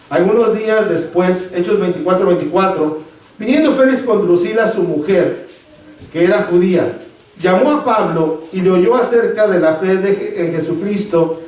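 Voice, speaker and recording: A man's voice: high-pitched, a little mellow. A man preaching a sermon in a church, asking rhetorical questions and repeating phrases. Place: church sanctuary. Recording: very echoey, from far off in a church.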